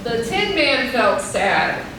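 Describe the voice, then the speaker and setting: A woman's voice: a little high, big pitch swings, takes it slowly. Woman narrating a stage play. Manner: prompts performers between lines. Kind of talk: reading a story aloud to an audience. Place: performance room. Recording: echoey room from far off, noisy.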